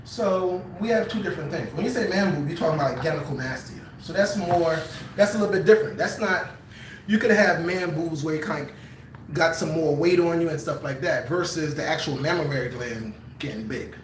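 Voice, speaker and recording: A man patiently explaining things in casual conversation, full of "kinda" and "like." His voice is slightly high and sounds set back from the mic in an echoey room with faint hiss behind it. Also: brisk, distant mic. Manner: explanatory, uses fillers like kinda. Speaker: fitness explainer in podcast chat. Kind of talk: casual chat.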